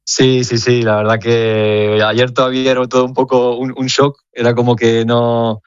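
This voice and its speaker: Give me a young man from Spain on a dull phone line, speaking flat, halting and earnest. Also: mid-range voice, smooth, dry recording. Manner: earnest, halting, repeats words while searching. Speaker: footballer. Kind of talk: phone interview.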